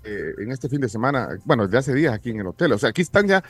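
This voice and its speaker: A man's voice: medium pitch, fast. A man hosting a live talk show, chatty and joking, with frequent restarts. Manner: lively, chatty, joking, stammering. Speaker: TV show host. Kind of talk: casual live interview. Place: hotel, indoors.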